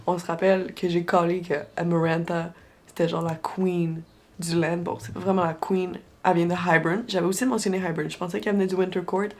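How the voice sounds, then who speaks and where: A woman's voice: lowish voice, fairly even intonation, moderate pace, darkish tone. Young Québécois woman chatting casually. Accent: Québécois French. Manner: opinionated, informal, mixing English phrases into French. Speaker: book vlogger. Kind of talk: casual reading-reaction vlog.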